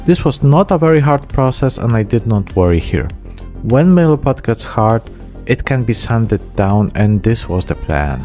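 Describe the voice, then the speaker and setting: Sing-song and warm, his medium-pitched voice moves at a moderate pace over faint background music. He's a man in his thirties hosting a miniature painting channel, offering a self-deprecating, easygoing narrated tutorial, captured close on a pop-filtered desk mic in a small room.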